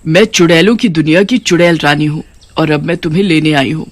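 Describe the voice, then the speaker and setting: A calm, commanding queen of witches in a cartoon story, as a woman reader voices her. She speaks evenly in a slightly lower register. The recording is dry and close. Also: brisk, dry recording. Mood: regal. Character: kindly witch queen granting boons.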